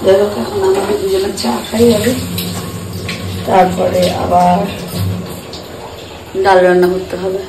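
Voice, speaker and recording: A woman's voice: mid-range voice, fairly even intonation, quick pace, hardly any pauses, echoey room, noisy background. A woman chatting casually while cooking for a family vlog. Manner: bossy, scolding a child at mealtime. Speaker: family vlogger.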